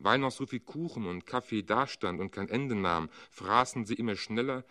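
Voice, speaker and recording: Expressive male literary narrator. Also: lowish voice, moderate pace. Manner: expressive, dramatic. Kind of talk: literary reading.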